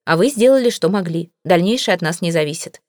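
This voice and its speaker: Woman narrator playing a measured, wry gentleman investigator. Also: lowish voice, lively intonation, dry recording, clean studio sound, natural voice. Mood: dry. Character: dry, composed gentleman detective Mr Keen.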